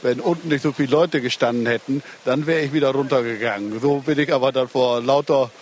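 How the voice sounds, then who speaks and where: An older retired lifeguard answering interview questions at an outdoor pool in a plain, matter-of-fact way. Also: male voice, mid-range voice, brisk, a little hiss or hum.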